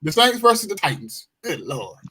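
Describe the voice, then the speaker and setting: A man's voice: high-pitched, very animated, moderate pace, sharp tone, poor audio. A man co-hosting a sports podcast in casual chat, laid-back and repeating himself. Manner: laid-back, repeats phrases, laughs often. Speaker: podcast co-host.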